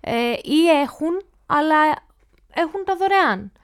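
A woman's voice: high voice, big pitch swings. A woman speaking as a cybersecurity expert guest in an interview, explaining risks through everyday examples.

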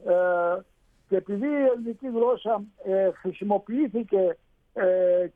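High voiced guy on a phone line, dry sound, lots of ums and restarts. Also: no room sound. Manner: hesitant, many fillers and restarts. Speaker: radio show guest speaker on Greek language. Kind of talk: explanatory radio talk.

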